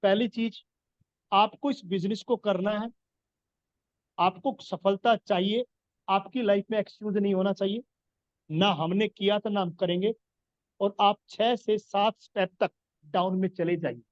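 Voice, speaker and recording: A man's voice: high voice, steady tone, unhurried, pauses often, no room sound. Man, business coaching talk, earnest, repeats key phrases, dull dry lo-fi sound. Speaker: business trainer.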